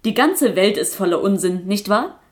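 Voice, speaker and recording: A woman playing a sensible older forester's wife in a storybook reading, speaking in a dry, matter-of-fact, gently mocking way. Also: mid-range voice, expressive, normal speed, close to an everyday voice. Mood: bemused.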